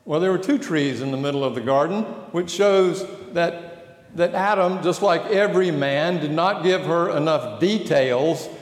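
A male preacher delivers a sermon at a slow, deliberate pace, in a slightly higher-than-usual voice. His conversational delivery, full of questions to the congregation, echoes through a church sanctuary with a long, ringing reverb. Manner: conversational, asks the audience questions.

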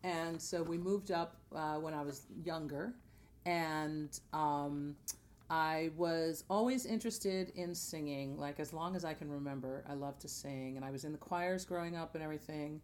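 A woman with a low-pitched, slightly mellow voice speaks at a moderate pace. She's an American theater singer, born in Jamaica and raised in New Jersey, chatting casually as a podcast guest and acting out snippets of dialogue as she tells her story.

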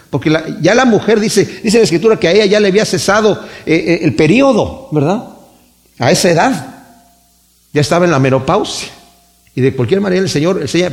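A man delivers a sermon, his voice sitting somewhat high for a man. He reads scripture aloud and repeats key phrases for emphasis. He keeps checking in with rhetorical questions. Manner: preaching with rhetorical questions and tag "¿verdad?". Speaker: pastor.

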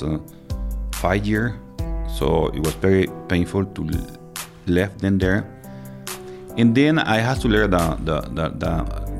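Deep-voiced Salvadoran man, halting. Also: creaky. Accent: Salvadoran Spanish. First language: Spanish. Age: 50s. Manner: halting, searching for words, many fillers and restarts. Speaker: interview guest. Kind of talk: personal interview.

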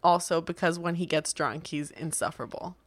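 A woman's voice: low voice, brisk, no echo. A woman co-hosting a pop culture podcast in an informal, conversational style. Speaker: podcast co-host. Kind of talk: casual pop culture chat.

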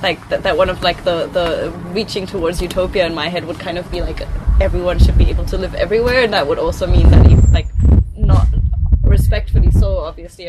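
Woman from brazil, lots of likes and restarts, lowish voice, city noise in the back. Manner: hesitant, many fillers and restarts. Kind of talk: casual reflective chat.

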